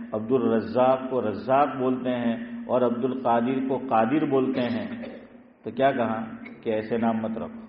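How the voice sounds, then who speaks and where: Imam in an echoing mosque. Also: male voice, mid-range voice. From Gujarat. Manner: conversational, joking, asks the audience questions. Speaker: imam giving a talk. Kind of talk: informal mosque talk. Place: mosque hall. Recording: phone-like, echoey hall.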